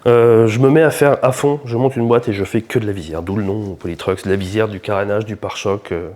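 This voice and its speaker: Low-voiced man telling his story casually. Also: a little fast. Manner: informal, lively first-person storytelling. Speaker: truck parts shop founder, podcast guest.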